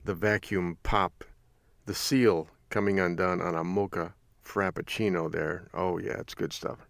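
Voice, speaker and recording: A middle-aged man hosts a podcast in a loose, casual monologue, chuckling as he rambles through stories. His voice sits low with a gravelly edge. The recording is close and dry. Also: steady tone, unhurried, dry recording. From Michigan. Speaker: podcast host.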